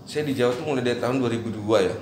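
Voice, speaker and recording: A man's voice: mid-range voice, very fast, a little mellow. A man from eastern Indonesia, a guest chatting casually and thoughtfully about his marriage, often laughing. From eastern Indonesia, Bima. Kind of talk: casual chat. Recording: echoey room, faint noise.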